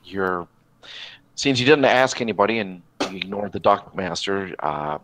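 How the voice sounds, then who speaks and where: A man running a tabletop role-playing game over voice chat, narrating slowly with many fillers and restarts. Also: low-pitched, lively intonation, a bit bright, a little hiss or hum, poor audio. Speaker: game master.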